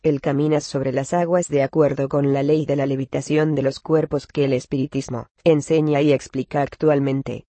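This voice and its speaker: A man reading religious commentary and scripture passages aloud at a measured, even cadence. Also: medium pitch, dry recording. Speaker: reader of a religious text.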